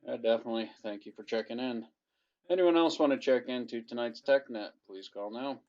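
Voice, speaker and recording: A man running an amateur radio net as net control, heard over a radio transmission, steady and courteous with formal call procedure. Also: medium pitch, fairly quick. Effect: heard over a ham radio transmission. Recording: dull lo-fi radio audio.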